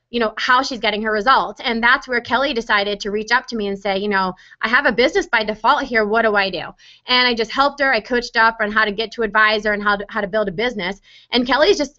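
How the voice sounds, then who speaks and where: A woman's voice: a little high, sharp tone. A woman giving a chatty, upbeat online sales presentation, with frequent fillers. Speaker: webinar presenter. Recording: dull lo-fi webinar audio.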